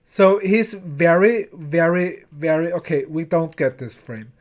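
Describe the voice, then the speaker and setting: Slow-talking reviewer, English speaker. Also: mid-range voice. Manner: chatty, stumbling, repeats words, acts out characters' lines. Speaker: TV episode reviewer. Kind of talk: casual recap and review of a TV episode.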